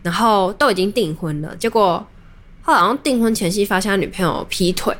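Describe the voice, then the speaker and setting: A woman's voice: medium pitch, fairly quick. A young adult woman, hosting a podcast and telling a personal story in a casual, rambling way with many restarts. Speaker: podcast host.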